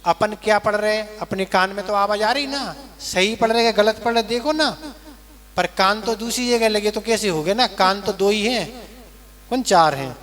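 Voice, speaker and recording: A man teaching a verse class, who chants verse lines slowly and then patiently explains their meaning. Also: high-pitched, fairly bright tone, in a large hall. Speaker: Jain monk teaching scripture recitation. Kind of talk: slow scripture class.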